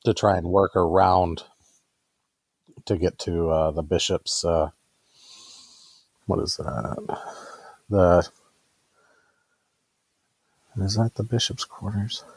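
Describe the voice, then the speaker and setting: Deep, gravelly male player. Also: steady tone, takes it slowly, pauses often, no room sound. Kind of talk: playing a tabletop game. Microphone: remote call microphone.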